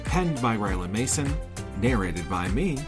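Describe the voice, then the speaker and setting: A man narrating a first-person adventure audiobook in an expressive, animated reading style. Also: lowish voice, measured pace, music in the background.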